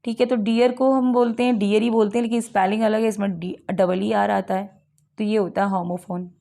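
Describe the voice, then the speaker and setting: A woman with a gravelly, fry-tinged voice teaches an exam-prep lesson on literary terms. She reads each definition slowly, then breaks it down in a chatty mix of Hindi and English, asking herself questions as she goes. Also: mid-range voice, steady tone, warm tone.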